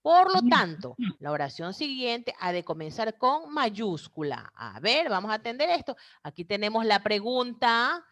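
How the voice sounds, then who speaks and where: A woman's voice: on the high side, sing-song, measured pace, few pauses, fairly bright tone. A woman teacher giving an online class over a video call, explaining step by step and checking in with "¿sí?" and "¿no?".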